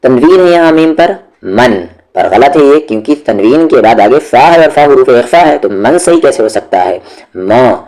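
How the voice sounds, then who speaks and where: A man with a medium-pitched, expressive, somewhat dark voice teaches Quran recitation. He patiently sounds out each syllable on its own and draws it out in a slow, step-by-step tajweed lesson.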